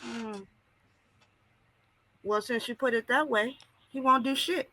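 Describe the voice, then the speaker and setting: A man's voice: very high-pitched, slow, pushed and bright, dry recording. A man calling in to a show, arguing heatedly and stumbling over his words. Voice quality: argumentative, stammering. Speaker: caller to an online show. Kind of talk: heated argument.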